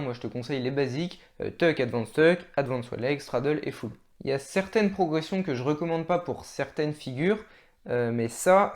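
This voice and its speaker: Casual, chatty man explaining workout terms. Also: mid-range voice. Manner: relaxed, chatty, laughs at himself. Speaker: fitness YouTuber.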